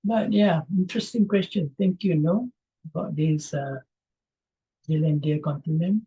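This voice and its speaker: A Malaysian man presents online and then handles audience questions, reading each aloud and answering with hesitant fillers in a Q&A after the talk. His voice sits on the high side, mellow and husky, at a measured pace. It comes through a video call microphone, and the audio sounds dull.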